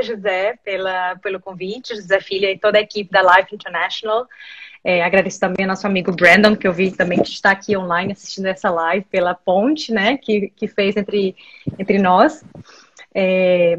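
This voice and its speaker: A woman in her thirties from Maranhão, Brazil, speaks as a guest over a video call. Her answers are thoughtful and full of small fillers, and her pitch sits in a middle range. The call audio sounds dull and lo-fi. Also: fairly even intonation, moderate pace. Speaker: lawyer, guest. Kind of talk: conversational interview answers.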